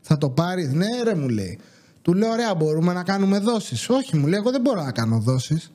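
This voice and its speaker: A young man hosting a podcast, telling a story in a casual, animated way and acting out what other people said. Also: high voice. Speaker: podcast host.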